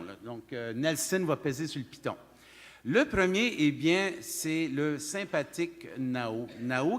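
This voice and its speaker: A man's voice: fairly high pitch, fairly bright tone. Quebec man hosting in a reverberant hall. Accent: Quebec French. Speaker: event host. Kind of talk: informal live stage introduction. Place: large event hall. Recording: reverberant hall sound through PA.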